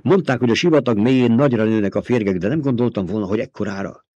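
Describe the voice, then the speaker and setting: A man reading an audiobook, voicing a young man fleeing across the desert in terse, hushed lines. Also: mid-range voice, no room sound, highs cut off, natural voice.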